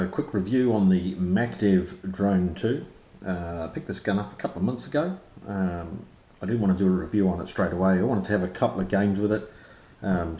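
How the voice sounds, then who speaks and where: Casual male reviewer, broad Kiwi accent, low relaxed voice, informal and slangy, recorded in a roomy echo. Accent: broad New Zealand. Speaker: product reviewer and interviewer. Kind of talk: casual unscripted review chat. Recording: roomy, echoey sound.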